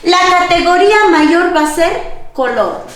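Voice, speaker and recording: A woman teaching a class with a high voice, speaking slowly and deliberately. She asks the class questions, answers them herself and repeats each key point. The sound comes from far off in a strongly echoing room. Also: lively intonation. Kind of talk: classroom grammar lesson. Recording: very echoey room, voice far from the mic.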